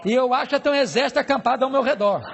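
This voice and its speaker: High-voiced Brazilian preacher in a reverberant hall. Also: male voice, creaky, very noisy. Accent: Brazilian Portuguese. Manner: emphatic preaching with slow stressed phrases and rhetorical questions. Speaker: pastor. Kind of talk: sermon.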